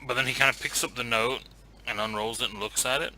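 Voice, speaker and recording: Brief: male game master, very bright tone, laid-back halting narration, faint noise behind. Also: medium pitch, low-quality recording. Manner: relaxed, hesitant narration with many "kind of".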